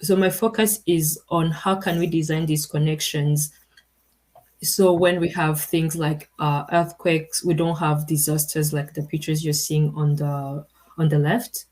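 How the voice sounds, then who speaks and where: Low-voiced woman presenting research from Rwanda. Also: little pitch movement, measured pace, a little mellow. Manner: hesitant, many fillers, laughs off slips. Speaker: PhD candidate presenter.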